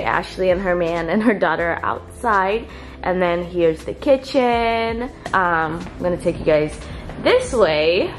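Chatty young woman vlogging on vacation. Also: fairly low pitch. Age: young adult. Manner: chatty, upbeat, talks straight to camera. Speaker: lifestyle vlogger. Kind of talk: casual vlog narration. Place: beach vacation rental, indoors and out.

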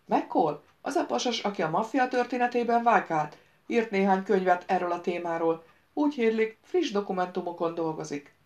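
A woman's voice: mid-range voice, lively intonation, a little mellow, dull audio, lightly acted. A woman reading the part of a sardonic male mercenary captain, with a sarcastic, impatient manner, in an audiobook.

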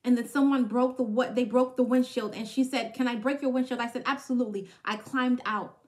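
Give me a woman with a high, bright-pitched voice hosting a podcast. She delivers an emphatic spiritual pep talk, repeating her key phrases and checking in with "okay?" after each point. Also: fairly even intonation, a little fast. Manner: emphatic, repetitive, punctuates with "okay?". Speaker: podcast host.

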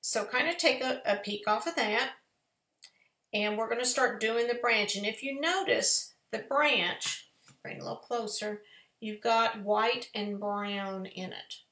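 A woman's voice: a little high, measured pace, pushed and bright. A woman, giving a chatty, folksy step-by-step painting lesson in a live tutorial. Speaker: painting teacher. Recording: echoey room.

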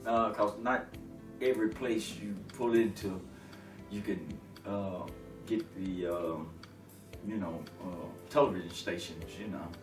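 A man's voice: lowish voice, steady tone, a little slow. A middle-aged man, a long-haul truck driver, talking easygoingly in an interview with lots of fillers and restarts. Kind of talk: relaxed conversational interview. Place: living room, seated on a sofa. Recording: roomy, distant, with music underneath.

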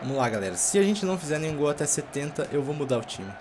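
A Brazilian man with a fairly high voice commentates casually on the football video game he is playing. He sounds like a panicking gamer, anxious and full of exclamations. Stadium game noise is clearly audible behind him. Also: sing-song, racing, a crowd in the background. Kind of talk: live gameplay commentary, casual. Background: football video game stadium ambience.

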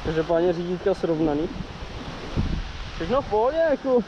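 A young man chatting casually while riding a motorcycle, swearing and excitable, recorded on a helmet camera mic outdoors. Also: high-pitched, highs cut off. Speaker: motovlogger. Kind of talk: casual helmet-cam commentary. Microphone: helmet-mounted camera mic. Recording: loud wind noise on helmet mic. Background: wind and motorcycle engine.

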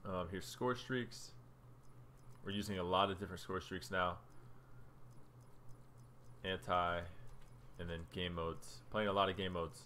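A man's voice: deep voice, steady tone, a little slow, long pauses, bright, forceful tone, a little hiss or hum. A young man casually talking through his game stats as a gaming video creator, chatty and loose while scrolling through menus. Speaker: gaming YouTuber. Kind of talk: casual gameplay commentary.

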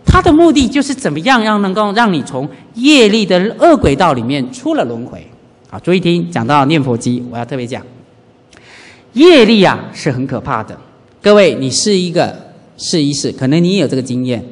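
A man, a Buddhist monk, giving a lively dharma lecture and acting out everyday scenes. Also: fairly high pitch, fairly quick. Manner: animated, urges listeners to pay attention, acts out everyday scenes. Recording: reverberant hall.

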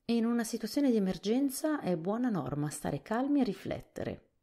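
A woman reading a storybook softly, voicing a thoughtful, worried male scarecrow king. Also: a little high, sing-song, normal speed, pitched above the performer's own voice.

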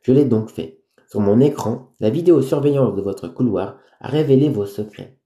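A man's voice: mid-range voice, warm tone, close to an everyday voice. A man reading as a stern cruise director. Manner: formal, firm, measured. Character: stern middle-aged male cruise director. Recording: roomy echo.

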